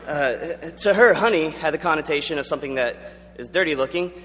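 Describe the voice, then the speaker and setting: A young student speaker gives an earnest, conversational chapel talk full of ums in a large chapel auditorium. He talks fast, his voice a little high and fairly bright. A long hall reverb and a faint hum colour the recording.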